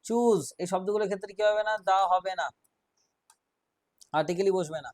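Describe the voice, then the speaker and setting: A man teaching an English grammar class, explaining rules step by step, quizzing his students and reading example sentences out slowly. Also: high-pitched, dry recording, clean studio sound.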